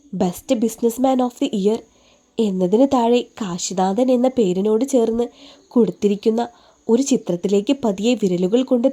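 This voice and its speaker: A woman narrating a romantic audio novel in an even, measured storytelling way. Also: medium pitch.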